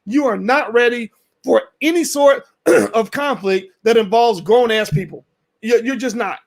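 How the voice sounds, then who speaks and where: Male host, high voice, hoarse, talks to camera in a blunt, emphatic, restarting way. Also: a little slow. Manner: emphatic, repeats words and restarts, colloquial. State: losing his voice. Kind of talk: casual direct-to-camera talk.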